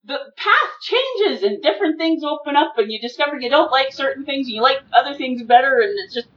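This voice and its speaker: A woman's voice: high-pitched, animated, a little fast, fairly bright tone, distant mic, highs cut off. A woman hosting an interview, friendly and encouraging, asking short questions. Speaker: interview host, financial expert. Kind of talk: casual interview conversation.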